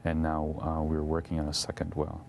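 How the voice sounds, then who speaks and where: A man's voice: extremely low pitch, monotone, a little fast, creaky, a little mellow, slight background noise. A young man from Eritrea, raised in Ethiopia, answering as a guest in a TV interview and talking hesitantly with many fillers.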